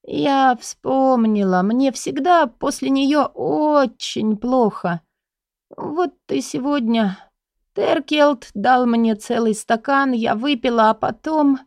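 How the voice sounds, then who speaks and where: A woman's voice: high voice, takes it slowly, a little mellow, dry recording, studio quality, pitched above the performer's own voice. A woman voicing a young lady who feigns a weak, whimpering voice. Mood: feeble.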